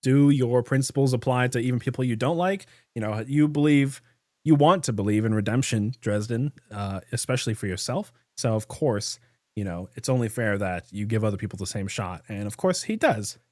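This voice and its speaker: Male podcast host, excitable, filler-heavy, mid pitch, dry close recording. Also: fairly quick, no echo. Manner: excited, many fillers, frequent laughs. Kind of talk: casual book discussion.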